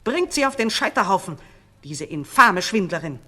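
A woman voicing a spiteful false queen, a scheming witch, in a shrill shouting manner for a storybook reading. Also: big pitch swings, moderate pace. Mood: triumphant.

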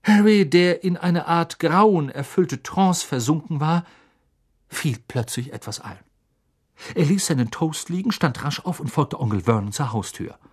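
An audiobook reader giving dramatic, expressive storybook narration. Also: mid-range voice, unhurried, breathy edge.

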